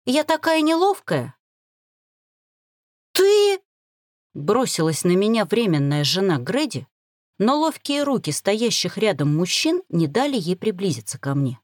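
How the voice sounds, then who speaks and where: Expressive woman reading a novel aloud. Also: lowish voice, normal speed, no echo, studio quality. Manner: expressive, dramatic. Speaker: audiobook narrator. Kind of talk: first-person novel reading.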